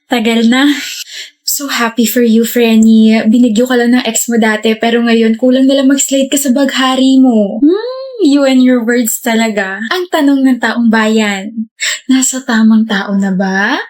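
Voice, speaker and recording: A woman's voice: a little high, measured pace, darkish tone. A woman, playfully teasing in a comedy skit. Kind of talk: acted comedy skit dialogue.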